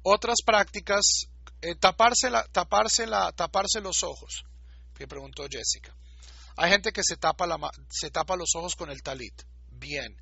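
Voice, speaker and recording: A man's voice: sits high, measured pace, creaky, pushed and bright, husky, dry recording, lo-fi sound. A man giving a recorded lecture, explaining patiently and repeating words to show how they are pronounced. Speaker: teacher.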